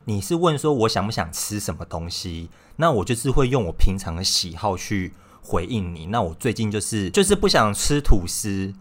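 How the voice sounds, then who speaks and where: A man in a casual podcast chat, calmly explaining his side. His voice sits a little low. He speaks over an online call. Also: moderate pace, hardly any pauses. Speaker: podcast co-host. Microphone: remote online call.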